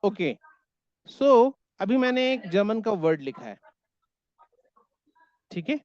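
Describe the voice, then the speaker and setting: A man's voice: high-pitched, big pitch swings, slow pace, darkish tone, highs cut off. A man teaching a German class online in Hindi, patiently repeating words so his students can echo them.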